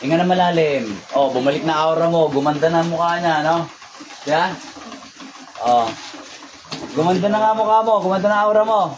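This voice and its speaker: A man's voice: on the high side, normal speed, long pauses, noisy background. A man leading a healing ritual, giving commands and chanting prayers. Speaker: faith healer.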